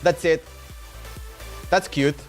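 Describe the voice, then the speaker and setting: A man livestreamer reacts in a casual stream chat, slangy and exclamatory, often repeating himself. His voice runs on the high side with fairly even intonation and a slow pace, and background music plays under it.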